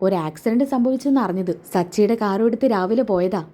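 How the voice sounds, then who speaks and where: A woman's voice: medium pitch, fast talker, mellow, close to an everyday voice. A woman voicing a blunt young man who delivers news in an offhand way.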